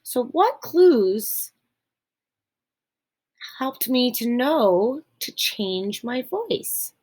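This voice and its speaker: A young adult woman teacher giving a remote reading lesson to children, explaining slowly and clearly and reading aloud with expression. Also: fairly high pitch, big pitch swings, darkish tone.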